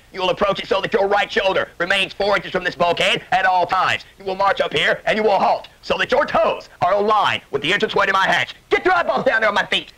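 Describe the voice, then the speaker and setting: A man's voice: sits high, sharp tone, rough recording. An American man working as a Marine drill instructor, barking commands and berating candidates repetitively.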